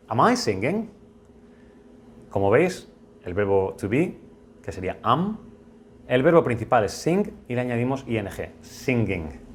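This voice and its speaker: A man's voice: mid-range voice, slight background noise. A young man from Spain with a Spanish accent, teaching English grammar in a recorded video lesson, patient and explanatory, repeating key points.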